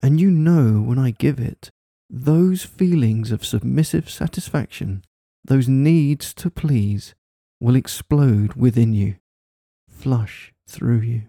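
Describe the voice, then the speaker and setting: A man speaking softly and intimately right in the listener's ear, delivering a coaxing, teasing hypnosis ASMR monologue full of praise, close to the microphone. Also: medium pitch, slow pace, dry recording. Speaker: hypnosis audio performer. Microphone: close microphone, dry sound.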